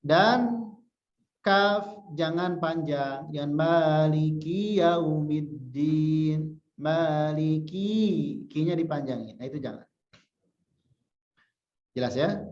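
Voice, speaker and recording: A male religious teacher with a somewhat high voice leads a recitation lesson at a slow, unhurried pace, patiently drilling single syllables. The recording is roomy and echoey, with a dull, lo-fi sound. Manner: patient, repeats syllables to demonstrate pronunciation; chants example verses slowly.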